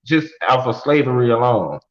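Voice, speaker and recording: A man's voice: medium pitch, lively intonation, moderate pace. Young man, blunt, slangy, pressing questions, muffled lo-fi mic. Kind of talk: casual debate over mics.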